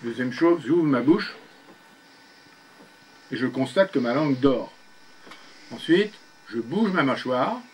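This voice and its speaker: A man's voice: medium pitch, expressive, slow pace, long pauses, darkish tone, slight background noise, low-quality recording. An older man leading a one-on-one speech therapy session, patiently giving short commands and checking that his pupil follows. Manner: patient, gives short spoken commands, often asks "you see?".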